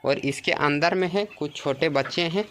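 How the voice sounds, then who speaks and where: A man's voice: fairly high pitch, moderate pace, a bit bright, slight background noise. Man giving a casual farm tour. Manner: casual, repeats "है ना" and "देखिए". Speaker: poultry farmer. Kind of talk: informal farm tour and advice. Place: poultry farm shed. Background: chickens clucking.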